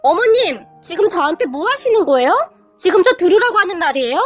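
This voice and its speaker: A woman's voice: very high-pitched, lively intonation, normal speed, fairly bright tone, soft background music. A woman voicing an entitled elder sister-in-law who whines and talks back. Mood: defiant. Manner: whining, defiant.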